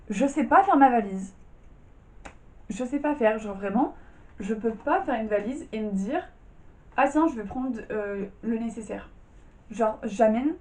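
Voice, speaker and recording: Young female vlogger, slightly high, tired, rambling and slangy, at home. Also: darkish tone. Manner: chatty, slangy, full of fillers. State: tired and just out of bed. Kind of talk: casual chat. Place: her bedroom at home.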